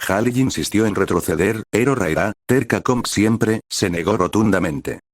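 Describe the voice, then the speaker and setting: Deep-voiced man narrating a story. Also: moderate pace, dry recording, clean studio sound.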